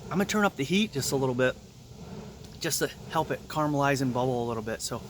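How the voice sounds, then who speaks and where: A man's voice: mid-range voice, lively intonation, quick pace, slight background noise. A man hosting his own cooking video, chatty and upbeat, talking through each step at an outdoor grill. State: eyes runny from grill smoke. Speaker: cooking channel host. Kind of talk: casual cooking how-to vlog.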